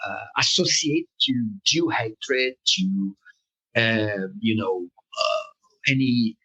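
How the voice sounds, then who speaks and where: A man with a Brazilian Portuguese accent speaks as an interview guest, talking haltingly, with many fillers and restarts. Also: lowish voice, pushed and bright, husky, low-quality recording. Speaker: political cartoonist, guest. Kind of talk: interview conversation.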